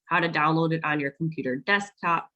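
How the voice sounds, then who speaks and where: On a muffled recording, a woman hosts a virtual town hall by video call, her deep voice brisk, pushed, and bright. As onboarding staff she explains the steps in a friendly, casual tone, heavy with ums.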